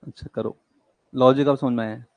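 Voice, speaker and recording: A young man teaching an exam-prep class, working through puzzles by counting digits aloud, briskly urging students on. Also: mid-range voice, steady tone, a little mellow, dry recording. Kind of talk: live classroom lecture.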